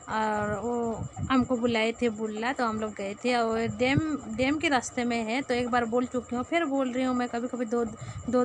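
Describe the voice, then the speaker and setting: A woman with a Sambalpuri Odia accent, a native Odia speaker narrating a casual vlog in halting Hindi, searching for words. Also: a little high, noisy background. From Sambalpur, Odisha. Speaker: vlogger.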